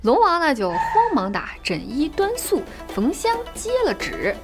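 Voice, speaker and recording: A woman retelling a classic tale casually, chatty and expressive, with asides to the listener. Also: high-pitched, normal speed, loud music behind the voice. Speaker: storyteller. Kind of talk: casual storytelling podcast.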